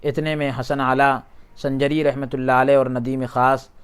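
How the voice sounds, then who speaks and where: A man with a smooth, resonant voice gives a religious lesson. He reads a passage aloud and then restates each phrase in plainer words. His pitch sits in an ordinary middle range, and he gets louder when he stresses a point. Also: level tone. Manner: rises in loudness at emphatic points. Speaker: Islamic scholar teaching a class. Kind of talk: religious lesson, reading a text aloud and explaining it.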